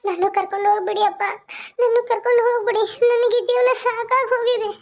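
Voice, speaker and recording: Brief: a woman playing a heartbroken cartoon heroine; very high and tearful, muffled recording. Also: steady tone, fast, gravelly. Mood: despairing. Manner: tearful, pleading. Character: grieving young woman, heartbroken and pleading. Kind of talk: cartoon voice acting. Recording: dull lo-fi recording.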